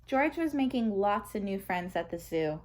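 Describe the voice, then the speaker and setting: Expressive and deliberate, a woman with a medium-pitched voice tells the story of a children's picture book aloud.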